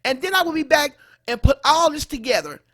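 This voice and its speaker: A woman's voice: high-pitched, very animated, a little fast, fairly bright tone. An American woman hosting gossip reaction commentary, scolding and emphatic, often repeating her phrases for stress. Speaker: commentary host.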